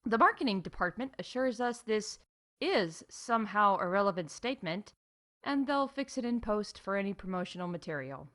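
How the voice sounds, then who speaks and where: At medium pitch and normal speed, a woman with a natural-sounding voice voices an upbeat space theme park announcer. She reads comic scripted announcements in a flat corporate way, adding emphatic asides, and comes across as earnest and deadpan.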